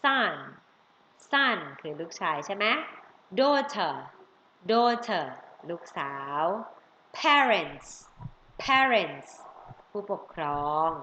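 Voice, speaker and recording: Woman, Thai accent, children's English teacher, slow and lively, bright tone, faint background noise. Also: mid-range voice. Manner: lively, coaxing, drawn-out English words. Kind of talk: bilingual vocabulary lesson for kids. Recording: roomy, slightly dull audio with faint noise.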